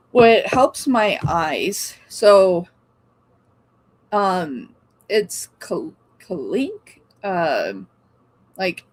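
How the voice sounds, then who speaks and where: Chatty woman hosting a slow live stream. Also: on the low side, a little hiss or hum. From Oregon. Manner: chatty, greets viewers by name, laughs often. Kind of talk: casual live-stream chat.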